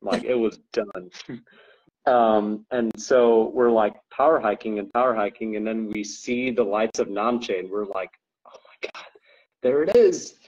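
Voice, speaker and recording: A man's voice: fairly low pitch, fairly even intonation, measured pace, a little mellow, dull audio. A man chatting as a podcast guest, rambling with lots of ums and likes and frequent laughs. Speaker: guest co-owner describing an ultra race. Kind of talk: casual podcast chat.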